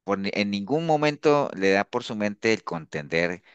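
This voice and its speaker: A man's voice: fairly low pitch, lively intonation, moderate pace, smooth, dry recording, highs cut off. A man leading a Bible study class in a conversational way, often checking in with the group and restarting his sentences as he thinks aloud. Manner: conversational, constant tag questions to the group; restarts and repeats words while thinking aloud. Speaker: discipleship teacher.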